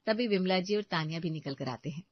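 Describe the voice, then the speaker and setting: A woman narrating an animated family story, engaging and speaking directly to the listeners. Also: fairly low pitch, brisk, no room sound. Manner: warm, engaging, addresses listeners. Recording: dry, slightly dull lo-fi audio.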